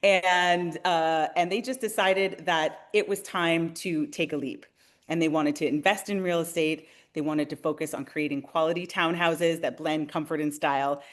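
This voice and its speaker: Upbeat woman hosting a webinar. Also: low-pitched. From Canada. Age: 40s. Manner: friendly, enthusiastic, addresses viewers directly.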